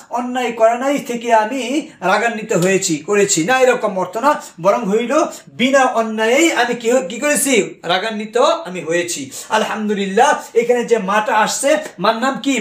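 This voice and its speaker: A male teacher of Arabic grammar, who asks questions and answers them himself and repeats key terms slowly. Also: very high voice, fairly bright tone, roomy sound. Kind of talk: recorded grammar lesson.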